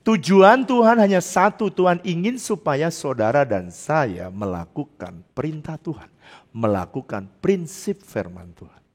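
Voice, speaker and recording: Middle-aged male pastor, playful and animated sermon delivery, high-set voice, reverberant hall. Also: a little slow. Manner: animated and playful, laughing often between points; drops into English phrases. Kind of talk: preaching a sermon. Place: church hall. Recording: long church-hall reverb.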